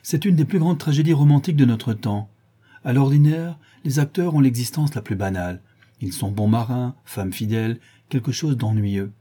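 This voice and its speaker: Man reading as a cool young dandy, lofty, languid, slightly raised pitch, dark husky tone, audiobook. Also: normal speed, close to an everyday voice. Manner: lofty, languid, self-assured. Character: young male aesthete, cool and detached.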